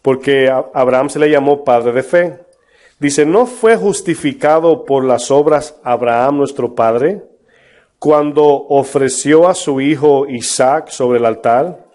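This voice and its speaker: A man's voice: mid-range voice, takes it slowly, a little mellow. A man preaching a sermon as pastor, emphatic, with rhetorical questions to his congregation. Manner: mocks false prophets in a put-on voice.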